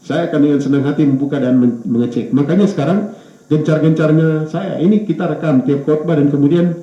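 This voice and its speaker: A male pastor preaching a sermon, pausing on fillers and correcting himself, his pitch rising and falling for emphasis. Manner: hesitant, with fillers and self-corrections; lively rise and fall in pitch for emphasis. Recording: echoey church room, dull lo-fi sound.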